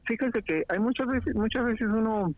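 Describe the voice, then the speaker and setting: A man's voice: high-pitched, moderate pace. Fields: Sex: man. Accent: Guatemalan Spanish. Role: radio co-host. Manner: reflective storyteller in casual chat. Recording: dull lo-fi radio.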